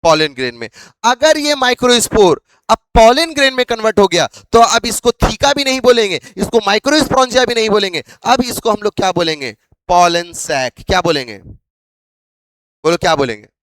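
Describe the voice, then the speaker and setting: A man's voice: high voice, animated, normal speed, fairly bright tone, dry recording. A male biology teacher lecturing a class, asking questions over and over to drill his students.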